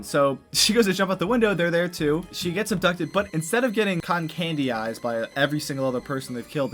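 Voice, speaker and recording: A man giving a casual, comedic movie recap in an incredulous, animated way, with slangy, sweary speech. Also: fairly high pitch. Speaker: movie reviewer.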